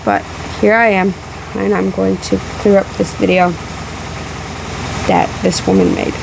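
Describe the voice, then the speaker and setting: Sick, breathy, creaky-voiced woman over fan noise. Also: mid-range voice, steady tone. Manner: emphatic, halting, emotional. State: sick, emotional, a little out of breath. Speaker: vlogger responding to a video. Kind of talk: casual rebuttal vlog to camera. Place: room in a house. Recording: loud fan noise in room. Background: fan running in the background.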